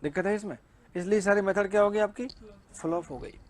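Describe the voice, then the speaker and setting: High-voiced man teaching in Hindi. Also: fairly quick, a little mellow. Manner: asks and answers his own questions, mixing in read-out English. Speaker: English teacher. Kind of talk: exam-prep lecture.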